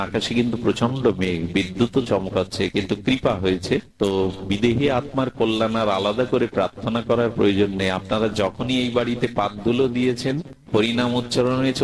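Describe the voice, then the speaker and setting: A man telling a devotional story as a sermon at an outdoor gathering, dramatic and animated. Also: on the low side, moderate pace, crowd noise, rough recording. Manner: dramatic storytelling with acted voices.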